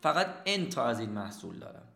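A man giving a sales lesson, lively, often asking and answering his own questions. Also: medium pitch, creaky, reverberant. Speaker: sales trainer. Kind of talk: instructional talk.

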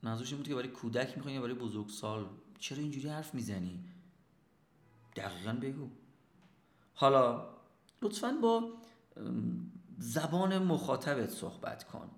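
A man giving a sales lesson, lively, often asking and answering his own questions. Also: medium pitch, long pauses, reverberant. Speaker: sales trainer. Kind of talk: instructional talk.

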